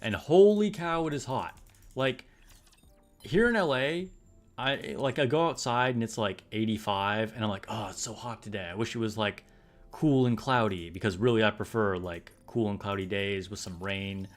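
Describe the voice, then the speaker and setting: A gaming streamer with a lowish voice talks at an ordinary pace while soft music plays behind him. He chats casually with his viewers during the live stream, rambling in a relaxed way and using plenty of fillers.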